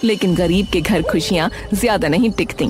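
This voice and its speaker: A woman narrating an animated story in a dramatic, measured storytelling manner. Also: lowish voice, music in the background.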